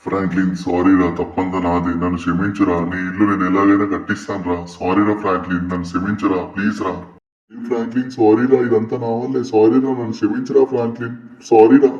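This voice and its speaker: A man's voice: on the low side, level tone, quick pace, a little mellow, natural voice. A man voicing a hot-tempered armored superhero in a gaming cartoon voiceover, brash and threatening, then apologetic. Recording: distant, dull, echoey lo-fi audio.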